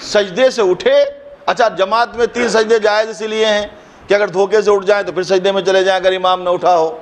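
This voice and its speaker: A man's voice: sits high, fairly even intonation. A man, a cleric giving an impassioned mourning sermon at a mosque gathering, who asks rhetorical questions and rises into a fervent recited couplet.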